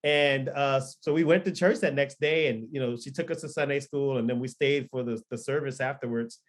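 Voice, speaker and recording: This brisk, medium-pitched voice belongs to a man in his thirties who works as a pastor and record producer. Born in Liberia and raised in Florida, he tells his story as a relaxed testimony for a podcast interview, rambling with many ums and false starts.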